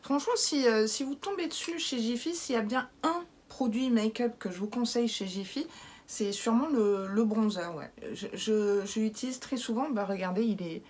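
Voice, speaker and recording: A woman's voice: on the high side, moderate pace, darkish tone, breathy edge. A woman with a French accent chatting casually and playfully as a beauty vlogger, reviewing her makeup collection. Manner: chatty, playful, self-mocking with invented words.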